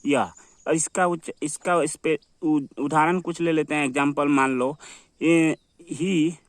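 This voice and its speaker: Male teacher, slightly high voice, dry close recording, drills words with self-answered questions. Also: a bit bright, no room sound. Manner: repetitive, asks and answers his own questions. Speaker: English teacher. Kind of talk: classroom-style vocabulary lesson.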